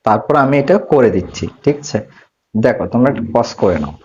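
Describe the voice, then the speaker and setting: A male English teacher works through a grammar exercise at a middle pitch. He poses questions and answers them himself, and draws out the English words slowly. The audio is slightly dull and lo-fi. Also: lively intonation, a little mellow. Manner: slows down to spell out English words. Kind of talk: grammar lesson.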